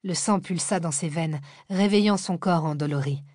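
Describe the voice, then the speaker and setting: A woman reading a thriller audiobook as narrator, telling the story in a measured, expressive way. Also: lowish voice, dry recording, studio quality.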